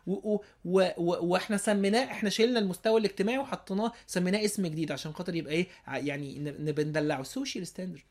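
A man with an Egyptian accent giving an informal religious talk, animated, acting out inner excuses and sometimes dropping to a near whisper. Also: high voice, rapid-fire. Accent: Egyptian Arabic. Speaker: preacher.

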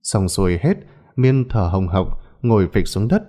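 A man narrating a ghost story in a dramatic, expressive storytelling voice. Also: on the low side, a little slow.

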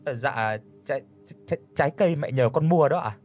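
A man's voice: mid-range voice, fairly quick, darkish tone, soft background music, lightly acted. A man voicing a meek young daughter-in-law of thirty who stammers politely and pleads. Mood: timid. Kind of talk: audiobook character voice.

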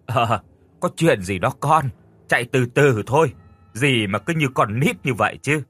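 A man voicing an elderly village mother in an audio story, who talks slowly and scolds. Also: medium pitch, animated, a bit bright, breathy edge, no room sound. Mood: chiding.

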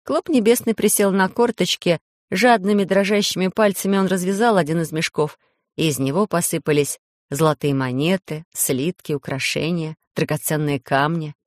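A man narrating an audiobook in steady storytelling, acting out the voices. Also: on the high side, moderate pace, no echo, clean studio sound. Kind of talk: scripted narration.

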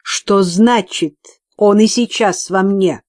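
A woman's voice: medium pitch, slow, darkish tone, no echo, studio quality, pitched above the performer's own voice, lightly acted. A woman playing a stern middle-aged mother superior who questions sharply and curtly. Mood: stern, demanding.

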